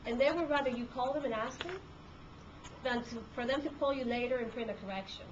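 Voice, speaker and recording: A Peruvian woman who is a court reporter and a native Spanish speaker talks conversationally to a group in a Peruvian Spanish accent, full of fillers and restarts. Her voice sits high and she speaks fairly quickly. It was captured on a handheld camcorder, giving dull lo-fi audio with room noise.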